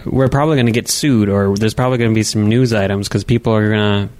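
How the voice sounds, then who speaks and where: A man's voice: lowish voice, steady tone, fast, a little mellow. Rambling young man hosting a podcast. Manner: rambling, joking, mock-exasperated. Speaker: podcast host. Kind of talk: casual podcast chat. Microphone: studio microphone.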